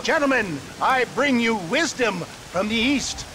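An older travelling huckster in a Western game. His voice sits high and he talks in flowery, theatrical patter, pompous and sly. Steady background noise runs behind him. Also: measured pace. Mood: showy sales pitch. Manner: florid, pompous, showman-like patter. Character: grandiloquent, crafty older travelling snake-oil salesman.

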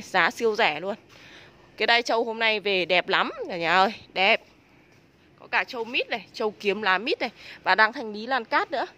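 A woman with a northern Vietnamese accent giving a casual, hard-selling sales pitch as a nursery seller, recorded on a handheld phone. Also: bright, forceful tone. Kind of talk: casual sales pitch, live product walk-through. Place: covered plant nursery and shop. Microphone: handheld phone behind the camera. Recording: noisy handheld recording with ambient sound.

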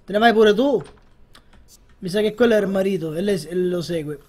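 High-voiced joking gaming commentator. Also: male voice, fairly quick, a little mellow. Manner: chatty, joking, narrates characters' thoughts. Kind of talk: casual Let's Play commentary.

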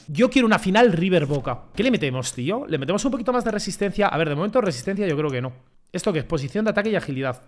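A young man with a Spain Spanish accent, commentating his own football game casually, excitable and slangy, shouting when he scores. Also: high-pitched. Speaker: gaming YouTuber.

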